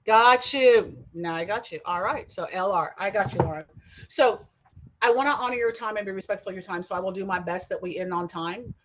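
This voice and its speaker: A woman's voice: mid-range voice, a little fast, background noise. A middle-aged woman teaching an online college class in a chatty, digressive way, with frequent asides and self-corrections. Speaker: college instructor. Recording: dull lo-fi video-call audio.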